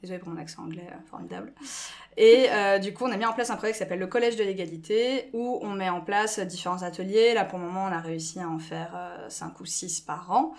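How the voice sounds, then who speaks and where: A woman in her twenties from France, a podcast guest who talks in a lively way with many fillers and gestures a lot. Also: mid-range voice, fast talker, few pauses. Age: 20s. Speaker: guest, school staff member. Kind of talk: casual podcast interview.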